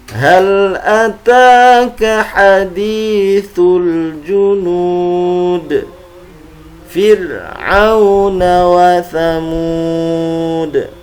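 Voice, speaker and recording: A male Quran teacher with an Indonesian accent demonstrates melodic recitation, over-enunciating each drawn-out syllable. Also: sits high. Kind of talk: instructional lesson with slow melodic Arabic recitation examples.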